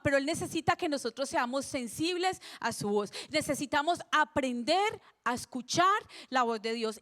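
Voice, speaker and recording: A middle-aged woman pastor with a high voice delivers a sermon in a church. She preaches in a chatty, personal way and keeps asking the congregation questions to draw them in.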